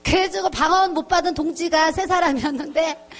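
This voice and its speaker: Speaking a little fast in an extremely high voice, a middle-aged woman pastor gives a testimony sermon in a chatty storytelling style. She laughs a lot and performs the voices of the people she quotes.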